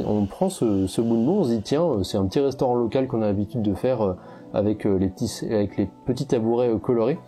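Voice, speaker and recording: A man's voice: on the low side, dark tone. A young French man with a French accent, casually telling travel stories with lots of fillers and restarts. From France. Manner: chatty, many fillers and restarts. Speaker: travel photographer vlogger.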